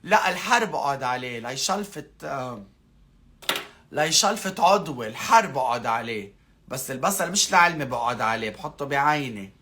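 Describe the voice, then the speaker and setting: A man's voice: mid-range voice, expressive, fairly quick, sharp tone. A man with a Lebanese accent hosting a satirical live stream, sarcastic and mocking, often slipping into a whiny pleading imitation.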